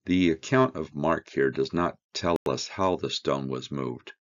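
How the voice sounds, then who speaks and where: A man teaching a verse-by-verse Bible study, reading scripture aloud and explaining it with slow, earnest emphasis. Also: very deep voice, highs cut off.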